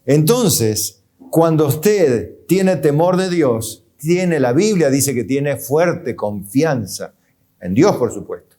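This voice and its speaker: Argentine male pastor, fairly high-pitched, lively and chatty sermon delivery. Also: slow pace. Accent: Argentine Spanish. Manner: conversational preaching, rhetorical questions, chuckles.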